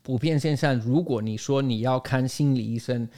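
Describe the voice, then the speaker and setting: A man's voice: medium pitch, moderate pace, warm tone. A man speaking as a guest in a casual interview, giving his opinions and explaining them through stories and quoted exchanges. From outside Taiwan.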